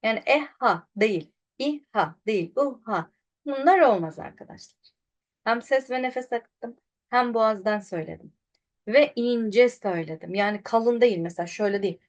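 Woman teacher, fairly high voice, patient explainer, demonstrates and corrects throat sounds for viewers. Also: a little fast, darkish tone. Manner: demonstrates sounds, contrasting right and wrong ones. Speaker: Quran recitation teacher. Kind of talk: online pronunciation lesson.

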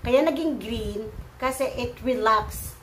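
A woman's voice: a little high, slow, a bit bright, slight background noise. A woman from the Philippines answering viewer questions in a playful, teasing way, laughing often. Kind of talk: casual Q&A vlog.

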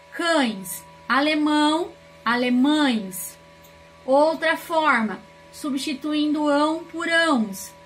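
Woman, teacher, unhurried, asks and answers her own questions, high voice. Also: a bit bright, slight background noise. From Brazil. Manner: slow, explains with rhetorical questions. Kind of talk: recorded grammar lesson.

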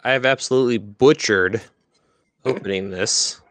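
A man with a fairly low voice hosts casually alongside others. He is close to a desk microphone, with very little room sound. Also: normal speed, a bit bright, no echo. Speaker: co-host. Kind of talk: casual livestream chat.

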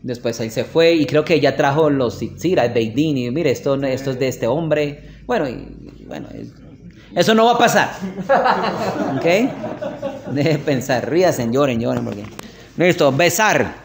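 A man's voice: mid-range voice, big pitch swings, moderate pace, gravelly, a little mellow. A man giving an informal religious lesson in a classroom, chatty, often checking in with his listeners and telling anecdotes. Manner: chatty, asks "¿ok?" often, tells anecdotes with laughter. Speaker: religious teacher.

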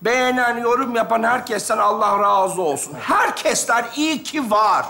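An actor playing a sentimental hospitalized teacher who preaches melodramatically about friendship. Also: male voice, extremely high pitch, animated, moderate pace, vocal fry, bright, forceful tone, full character voice. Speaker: hospital patient. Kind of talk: studio sketch comedy.

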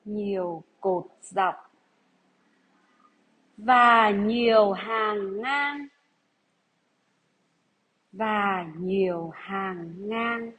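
Slow, husky woman teacher dictating. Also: medium pitch, fairly bright tone, low-quality recording. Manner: deliberate, measured, repeats phrases. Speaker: primary school teacher. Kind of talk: slow dictation lesson for young pupils.

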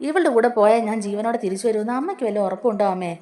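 A woman reads the part of an angry young husband, fast and scornful in a low, mellow tone. He accuses and sneers in quick outbursts. The scene is a spoken serial recap. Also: expressive, lightly acted.

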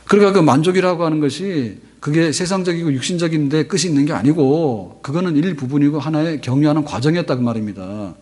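A pastor in his fifties preaches a sermon into a stand-mounted pulpit microphone in a large church sanctuary, speaking conversationally and posing rhetorical questions to the congregation. His fairly high, husky voice has a darkish tone, and he talks fast and animatedly with hardly any pauses. Long hall reverb fills the recording.

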